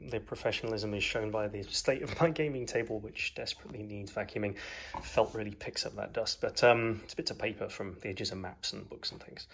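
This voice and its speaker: A New Zealand man with a lowish, slightly bright voice gives a casual, rambling product review in his home gaming room, full of ums and uhs. He's filmed indoors on a phone whose camera mic sits off screen.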